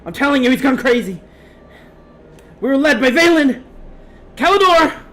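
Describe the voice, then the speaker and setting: A man's voice: very high-pitched, expressive, normal speed, fairly bright tone, voice pushed up. A man playing a panicked, stranded space expedition member in a tabletop game, pleading frantically in a raised voice. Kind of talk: tabletop game role-play.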